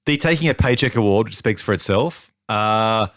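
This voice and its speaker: A man's voice: lowish voice, expressive, a bit bright, no echo, studio quality. A man co-hosting a movie review podcast, chatting casually and playfully with frequent laughs. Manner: playful, laughs often, quick asides. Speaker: podcast co-host.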